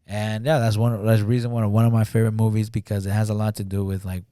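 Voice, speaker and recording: A man talking casually as a podcast guest, retelling a film scene and often acting out the lines, with halting speech full of "like" fillers. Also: lowish voice, level tone, dark tone, no room sound, studio quality. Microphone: studio podcast mic.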